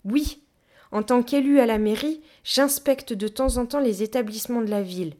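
A woman's voice: a little high, moderate pace, darkish tone, voice pushed up, natural voice. A woman voicing a cold, ironic male town official who speaks in a smug, mocking way in an audiobook. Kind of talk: audiobook reading.

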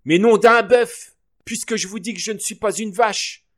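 A man voicing an indignant young boy in a storybook reading, high-pitched and shouting in exasperation. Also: expressive, unhurried. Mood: exasperated.

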